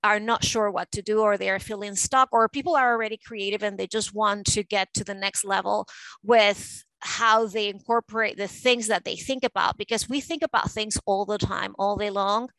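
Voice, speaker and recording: A woman's voice: medium pitch, steady tone, moderate pace, a bit bright, no room sound, rough recording. A woman in her forties from Venezuela, an art advisor talking fluently and emphatically as a podcast guest. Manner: fluent, emphatic, with frequent fillers. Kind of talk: conversational interview.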